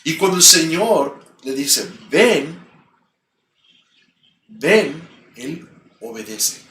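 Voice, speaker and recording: A man's voice: fairly high pitch, lively intonation, takes it slowly, bright, forceful tone. A man with a Mexican accent preaching a sermon in a church, emphatic and repeating key phrases. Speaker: pastor. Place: church sanctuary. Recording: echoey church, distant mic, faint background hum.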